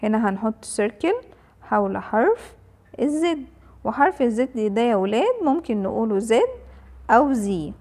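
A young woman with an Egyptian Arabic accent, teaching an English phonics lesson to small children and repeating each sound slowly. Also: a little high, sing-song, darkish tone. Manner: slow, drawn-out sounding of letters and words, repeated for children.

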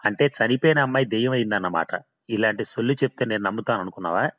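A man's voice: on the low side, fast talker, fairly bright tone, lightly acted. A man voicing a skeptical male writer who mocks and teases, in a storybook reading. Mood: mocking. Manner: mocking, sarcastic.

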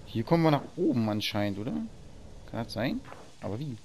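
Plaudernder Mann kommentiert ein Spiel. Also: male voice, medium pitch, animated, a little fast, darkish tone, a little hiss or hum. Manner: chatty, thinks aloud, mutters to himself. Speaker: let's play host. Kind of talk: casual gameplay commentary.

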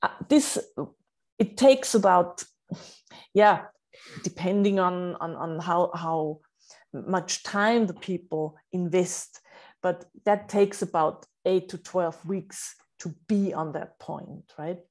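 In a podcast interview, a middle-aged woman whose first language is German earnestly explains her book coaching, with many fillers and restarts. Her voice is lowish, slow and darkish in tone.

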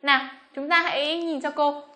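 A Vietnamese woman teaching English pronunciation, speaking slowly on her model words between quicker explanations. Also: high voice, steady tone, bright, forceful tone. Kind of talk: pronunciation lesson.

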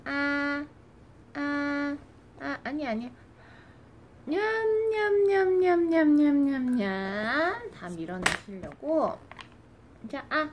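A woman's voice: sits high, bright, forceful tone. A young mother at home coaxing her baby to eat with playful sing-song baby talk. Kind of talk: casual home video. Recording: noisy home recording.

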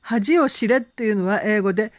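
Gentle, encouraging woman teacher, dry sound. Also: medium pitch, no echo. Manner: gentle, encouraging, with frequent fillers; slow, careful spoken English examples for learners to repeat. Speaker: English conversation teacher. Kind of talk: online English lesson.

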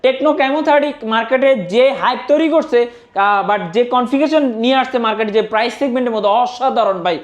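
A Bangladeshi shop salesperson delivers a hard-sell promotional pitch at a very rapid pace. The delivery is insistent and repetitive, constantly urging the customer to buy.

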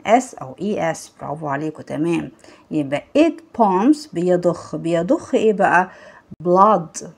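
A woman's voice: lowish voice, expressive, unhurried, vocal fry, slightly rough. A woman with an Egyptian accent teaching young children, patiently repeating words and praising her pupils. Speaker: English teacher. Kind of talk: online lesson for young children.

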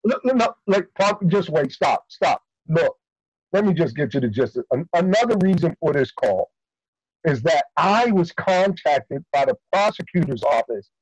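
A man playing a jailed father calling his daughter, talking in a hurried, pleading and excited way. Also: fairly high pitch, husky, no echo, low-quality recording. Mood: eager. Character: jailed middle-aged father, pleading and eager. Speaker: church skit actor.

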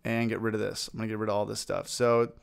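A man hosting a screen-recorded software tutorial, upbeat and informal, talking through each click. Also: on the low side, level tone, fast, vocal fry, smooth. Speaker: video tutorial host.

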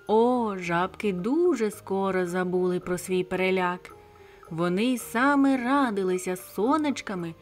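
A woman narrating a bedtime fairy tale in a slow, gentle storytelling manner. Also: medium pitch. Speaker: audiobook narrator. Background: soft background music.

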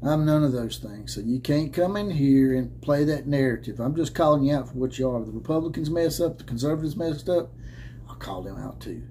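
Seated at a desk camera showing his head and shoulders, with caps hanging on the wall behind him indoors, this thirtysomething college football commentator delivers an opinionated rant. His medium-pitched voice is expressive, brisk and warm, his manner sarcastic and combative with mocking laughs, and a little hiss or hum runs underneath.

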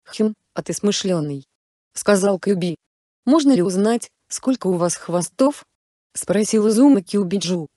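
Mellow-voiced woman reading a story. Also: mid-range voice, dry recording, studio quality. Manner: even, unhurried storytelling, voicing all characters in her own voice. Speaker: narrator. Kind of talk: reading a fan fiction story aloud.

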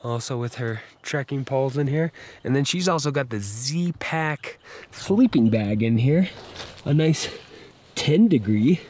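A man's voice: medium pitch, expressive, unhurried, a little mellow, a little hiss or hum. A man hosting an outdoor vlog, narrating casually and with enthusiasm from a mountain campsite into a handheld camera mic. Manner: chatty, enthusiastic. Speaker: vlog host.

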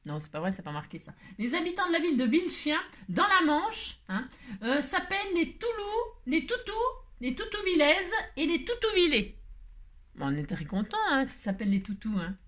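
Opening her mail on camera, a scrapbooking channel host talks in a playful, rambling way, packed with fillers and teasing asides. Her voice is high-pitched and a bit bright, swooping wildly in pitch at a fairly quick pace.

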